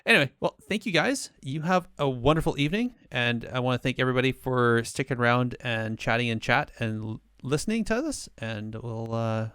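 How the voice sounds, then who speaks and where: A man's voice: mid-range voice, expressive, brisk, few pauses, fairly bright tone, smooth, dry recording, studio quality. A man hosting a casual gaming roundtable, easygoing and full of fillers as he steers the talk. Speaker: podcast host.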